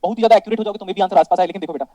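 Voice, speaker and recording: Mixing Hindi and English, a man with an Indian accent teaches electronics in a classroom, addressing students as "beta," often checking that they follow, and joking with them. His high, mellow voice races along, and the audio has no room sound and cut-off highs.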